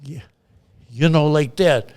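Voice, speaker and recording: Profane older man, high clear voice. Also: slow, a little mellow. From Chicago. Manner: blunt, profane, acts out quoted voices. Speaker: storyteller guest. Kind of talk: casual storytelling.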